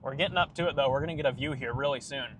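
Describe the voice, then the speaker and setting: A man's voice: mid-range voice, very fast. A man giving urgent, anxious live storm-chasing commentary from inside a moving car. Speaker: storm chaser livestreaming. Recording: clear vehicle and road noise. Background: vehicle noise.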